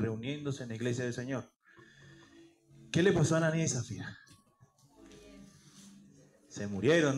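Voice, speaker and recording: A man's voice: medium pitch, darkish tone. A male pastor preaching a sermon, asking rhetorical questions and answering them himself. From Peru. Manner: rhetorical questions answered aloud, acts out quoted voices.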